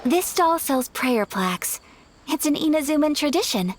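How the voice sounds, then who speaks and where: For game dialogue, a woman with a high, animated voice plays a refined and gracious young noblewoman who speaks in formal, courteous phrasing. She talks at a moderate pace over game music, with slight background noise.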